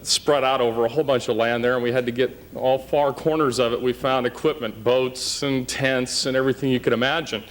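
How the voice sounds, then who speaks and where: A man giving a humorous, anecdotal after-dinner tribute speech as a scout troop leader in a banquet hall. He often tags his sentences with "okay?". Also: medium pitch.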